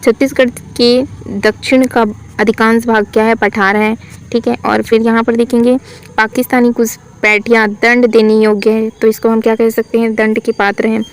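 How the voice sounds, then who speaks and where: A woman teacher works through grammar practice questions. She reads each sentence slowly and then corrects it. Her voice is clear and smooth, a little high, and stays on a narrow, even pitch. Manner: asks questions then answers them herself. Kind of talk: exam-prep grammar lesson.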